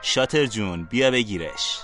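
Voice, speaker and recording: A man's voice: lowish voice, lively intonation, bright, forceful tone, soft background music. A man voicing a sly, mocking schoolboy bully in a storybook reading. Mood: taunting. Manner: sneering, sly.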